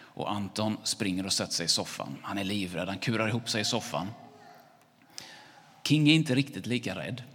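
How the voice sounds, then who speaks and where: A man telling a children's story aloud in a relaxed, loose way, with pauses and restarts. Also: on the low side, husky. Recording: long hall reverb.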